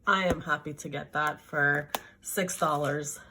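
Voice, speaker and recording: A woman's voice: low-pitched, steady tone, unhurried, heavy background noise. A middle-aged woman from Canada with a sore throat, chatting enthusiastically about her art supplies in a casual video. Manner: chatty, enthusiastic, self-correcting. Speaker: art vlogger.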